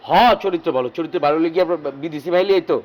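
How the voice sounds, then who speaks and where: Male actor, a gossipy young sidekick, slightly high and quick. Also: muffled recording, a little hiss or hum, lightly acted. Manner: sly, gossipy tattling. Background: music.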